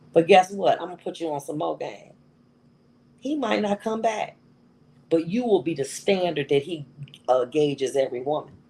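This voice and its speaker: A woman's voice: sits low, a little mellow, poor audio. A middle-aged woman giving a motivational talk to an audience, emphatic and repeating phrases for effect. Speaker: motivational speaker.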